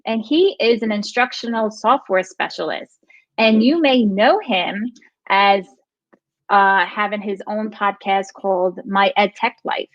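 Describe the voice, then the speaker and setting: A woman's voice: mid-range voice, measured pace, no echo. An upbeat woman hosting a live talk show, introducing her guest with plenty of enthusiasm. Her voice sounds dry and close, with no room around it, and a bit dull and lo-fi. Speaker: host.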